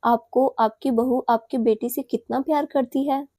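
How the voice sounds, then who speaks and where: Woman narrator doing a teasing young fiancé for an audio story, soft warm delivery, dry sound. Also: high voice, steady tone, measured pace, no room sound. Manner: teasing, affectionate. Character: young man, playful loving fiancé.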